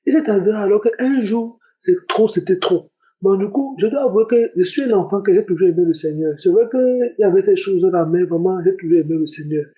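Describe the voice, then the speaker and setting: A man's voice: high-pitched, fairly quick, mellow, lo-fi sound. A young man giving a spoken religious testimony, earnest and repeating his words often. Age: young adult. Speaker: testimony giver.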